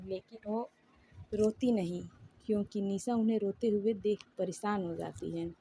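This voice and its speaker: A woman narrates a story in a gentle, emotional way. Her voice is mellow and warm, with middling pitch. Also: slight background noise.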